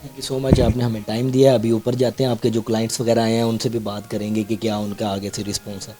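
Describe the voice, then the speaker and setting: A Pakistani-accented male host walks a clinic asking questions in an easy, chatty way, now and then speaking straight to viewers. His voice is mid-pitched and mellow, with faint music running under it. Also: level tone, quick pace. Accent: Pakistani Urdu. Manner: conversational, addresses viewers directly. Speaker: interview host. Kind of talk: street-interview show hosting. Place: skin clinic.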